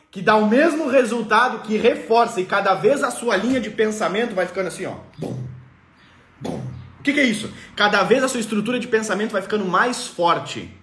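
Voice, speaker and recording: A woman's voice: medium pitch, echoey room. A woman giving an explanatory motivational talk, emphatic and repeating key phrases. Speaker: motivational speaker.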